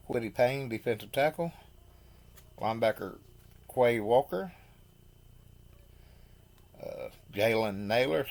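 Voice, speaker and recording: Hosting a football news program, this man reads transfer signings off his notes, pausing haltingly and tripping over names. His voice is on the low side, and he keeps dropping in frank opinions.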